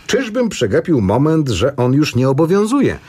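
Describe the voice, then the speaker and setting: Lively husky man hosting radio. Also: fairly high pitch, normal speed. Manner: lively, interjecting, playful. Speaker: radio host. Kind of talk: radio chat, reading listener letters. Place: radio studio.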